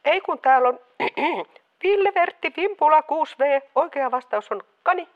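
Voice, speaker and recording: A woman voicing a stubborn, pushy mother who keeps phoning in under put-on voices. Her pitch swings widely, and the sound is dull and muffled like a call. It is a radio comedy sketch. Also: animated. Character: meddling mother faking several callers' voices. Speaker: caller, the host's mother in disguise.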